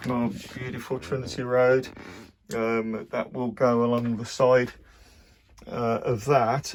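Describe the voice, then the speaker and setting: Casual Birmingham-accented man, lots of ums. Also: medium pitch. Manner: relaxed, many ums and uhs. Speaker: hobby model builder. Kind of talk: casual video diary. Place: home workshop room.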